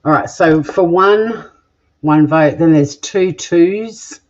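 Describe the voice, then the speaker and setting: A middle-aged Australian woman runs a live cooking stream from her home kitchen, reading viewer comments and chatting playfully with the odd swear word. Her voice sits on the low side and she takes it slowly, on a dull, lo-fi home recording.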